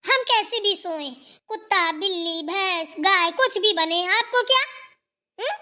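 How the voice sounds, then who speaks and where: A woman's voice: very high-pitched, lively intonation, unhurried, bright, forceful tone, exaggerated voice. A woman voicing a cheeky elder daughter-in-law in a cartoon who snaps back in every quarrel. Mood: sassy. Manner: sassy, snapping back.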